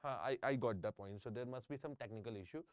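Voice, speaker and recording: In a clean, dry studio recording made on a close microphone, a middle-aged man with an Indian English accent teaches engineering exam prep online, live. His mid-range voice moves fast. He repeats himself often and keeps checking in with students.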